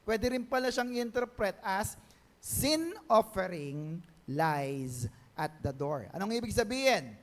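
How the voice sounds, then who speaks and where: A Filipino-accented male pastor preaches a Bible-teaching sermon, switching between Tagalog and English. His voice sits high and expressive, and he frequently calls on the church for an amen while stretching key phrases out slowly.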